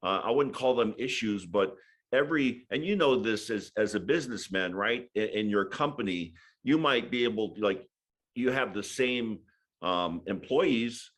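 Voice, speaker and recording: Low-voiced man from Hawaii, podcast guest, musing, filler-heavy chat. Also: expressive, normal speed, a bit bright. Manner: thoughtful, many fillers and restarts. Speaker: podcast guest, sports broadcaster. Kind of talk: casual interview chat.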